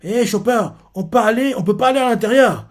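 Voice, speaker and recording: A man voicing an excitable, carefree young male pirate who calls out eagerly while reading out a manga chapter. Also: very high voice, a little fast, voice pushed up. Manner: shouting, eager.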